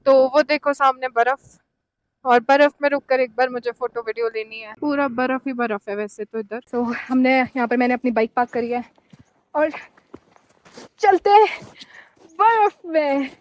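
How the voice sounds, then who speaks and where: A young woman from Himachal Pradesh, India, speaks Hindi with a Pahari tinge in a high voice, chatting eagerly and directly to viewers in her solo motorcycle travel vlog. She's outside on a snowy mountain pass, filmed on a handheld camera, slightly breathless from the altitude. Her pace is moderate with long pauses; the audio has no echo but the highs are cut off.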